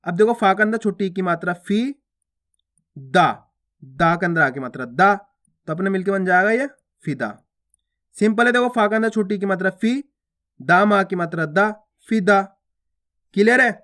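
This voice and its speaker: A man teaching children to read Hindi, sounding out each syllable slowly and asking the learner questions. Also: sits high, fairly bright tone. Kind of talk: spelling lesson, sounding out syllables.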